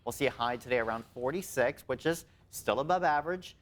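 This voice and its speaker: A man's voice: medium pitch, a little fast. A man co-hosting a local morning TV show, reading news items and the weather forecast, often breaking into laughter.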